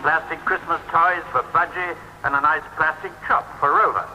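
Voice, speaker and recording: An actor playing a male radio commentator giving a measured, wry scripted talk. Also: on the high side, highs cut off, music in the background, natural voice. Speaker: radio announcer.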